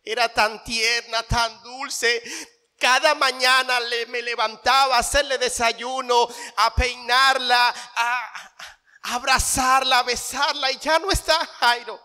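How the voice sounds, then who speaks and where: A man's voice: very high-pitched, steady tone, takes it slowly, bright, forceful tone, pitched above the performer's own voice, full character voice. A man voicing a grieving mother who pleads and sobs over her dead daughter, keeps calling her husband's name, and is heard in a reverberant church hall. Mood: wailing grief.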